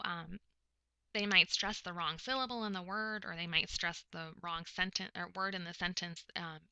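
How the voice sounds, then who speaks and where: A woman giving a recorded lecture, explaining topics step by step in a measured way with frequent pauses. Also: on the low side, vocal fry, bright, forceful tone, clean tone, no echo, low-quality recording. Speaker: presenter explaining speech of the hard of hearing.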